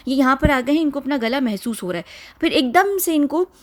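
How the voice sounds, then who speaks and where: A woman with a fairly high voice talks viewers through a music video one scene at a time. She speaks casually, restarting and filling pauses as she goes, and keeps urging her audience to look closely. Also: animated. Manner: conversational with frequent fillers and restarts. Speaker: video commentator.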